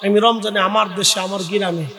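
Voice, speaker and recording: A man preaching a Bengali waz sermon, impassioned and shouting in rising bursts. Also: sits high, fairly even intonation, a little fast, roomy sound, in a large hall.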